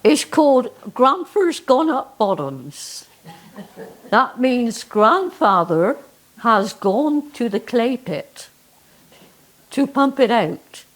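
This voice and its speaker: A woman's voice: fairly high pitch, very animated, slow pace, poor audio. Woman, Cornish West Country accent, folk performer, live spoken song introduction.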